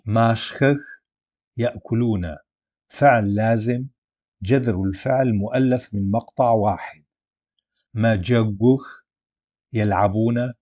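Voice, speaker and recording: A man reading a language grammar lesson in a slow, measured way, saying sounds and words one at a time like a teacher. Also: lowish voice, mellow, dry recording, dull audio. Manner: measured, dictating word lists and pronouncing sounds one by one.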